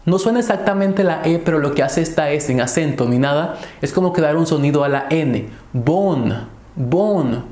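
Man, French teacher, online lesson, slow careful repetition, echoey room. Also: a little high, a little mellow. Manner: repeats French words slowly for pronunciation.

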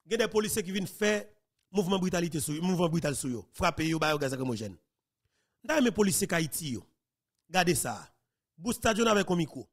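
A man hosting a live news program, commenting excitably and emphatically, with frequent repetition. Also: high-pitched. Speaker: news host.

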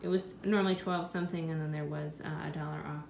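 A low, creaky-voiced woman in her thirties talks fast as she narrates her grocery haul for a vlog, a mother of five musing over prices in a chatty way. She's in an echoey home kitchen with steady noise behind her.

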